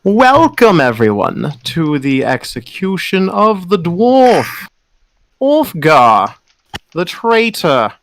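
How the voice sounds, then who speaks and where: A man voicing a pompous high priest who proclaims slowly to a crowd. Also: wildly swooping pitch, gravelly, fairly bright tone, heavily acted. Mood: booming, gloating. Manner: grandiose, slow proclaiming.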